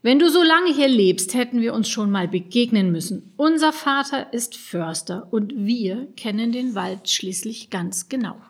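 A woman's voice: on the high side, expressive, a little slow, few pauses, breathy edge, heavily acted. A woman doing a scoffing young boy. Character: skeptical, cheeky young boy. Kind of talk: storybook reading.

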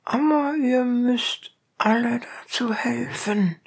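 A woman's voice: fairly high pitch, takes it slowly, slightly rough, pitched above the performer's own voice, exaggerated voice. A woman doing a coaxing noble hostess. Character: lively persuasive noblewoman hostess.

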